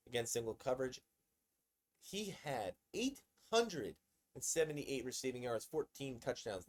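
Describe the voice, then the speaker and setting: Hosting a laid-back sports commentary video, a lowish-voiced man sounds excitable and conversational. He tends to say things more than once.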